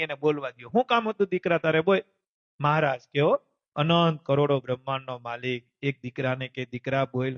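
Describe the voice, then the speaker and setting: Animated high-voiced storyteller man. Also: no room sound. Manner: animated, voices the characters in the story with quick pitch jumps. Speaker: preacher telling a devotional story. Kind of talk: Gujarati devotional storytelling sermon. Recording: dull lo-fi recording.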